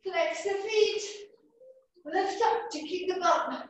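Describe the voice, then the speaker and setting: A woman's voice: extremely high pitch, slow, lo-fi sound, a little hiss or hum. A young woman working out as she leads a fitness class, urging people on with short motivating gym-coach commands. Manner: exerting herself while demonstrating exercises. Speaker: fitness instructor leading a HIIT class. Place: indoor home exercise studio with cupboards. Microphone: far camera or laptop on a video call. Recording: distant, very echoey room sound.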